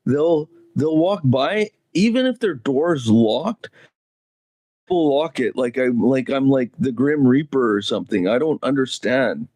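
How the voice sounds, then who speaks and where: Slow, rambling man chatting on a livestream. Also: medium pitch, animated, darkish tone, no room sound. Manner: rambling and loose, with chuckles and swearing. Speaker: livestream host. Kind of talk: casual solo livestream chat. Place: Canada.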